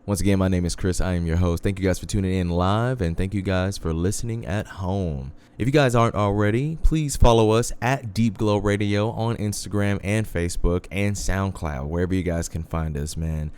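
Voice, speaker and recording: A man with a very low, deep voice hosts a relaxed internet radio show. He talks to his listeners in a loose, chatty way and keeps calling them "guys." He lets a dry, sarcastic edge slip into his remarks. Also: moderate pace, hardly any pauses, clear, resonant tone. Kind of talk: casual internet radio hosting.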